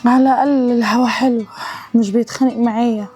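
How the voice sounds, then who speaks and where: A woman's voice: fairly high pitch, fairly even intonation, fast, a little mellow, soft background music, natural voice. An actress with an Egyptian accent playing a proud young woman, formerly rich, talking bitterly and sarcastically. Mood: soft. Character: proud young sister-in-law, fallen from wealth.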